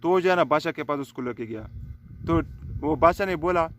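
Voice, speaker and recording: A man's voice: fairly high pitch, a little fast, slight background noise. A man casually telling a folk tale aloud, rambling with many fillers and restarts. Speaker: storyteller. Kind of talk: casual oral storytelling.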